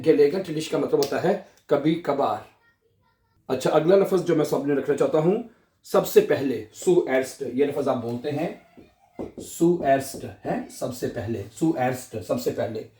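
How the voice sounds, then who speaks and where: A man's voice: a little high, a little mellow, roomy sound. A male language teacher giving a vocabulary lesson in Urdu, repeating each word several times as a drill.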